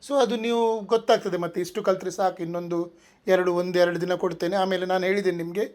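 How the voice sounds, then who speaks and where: A male language teacher with a noticeably high-pitched voice runs through vocabulary in a steady, rhythmic drill. He says each form twice before moving on, then shifts into plain, instructive explaining. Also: fast.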